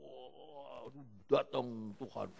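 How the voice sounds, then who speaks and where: A man preaching an animated sermon, telling stories and moving between loud exclamations and quiet asides, with a gravelly voice. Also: mid-range voice, drawn-out words. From Indonesia. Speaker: pastor. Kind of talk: lively sermon with storytelling. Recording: long hall reverb.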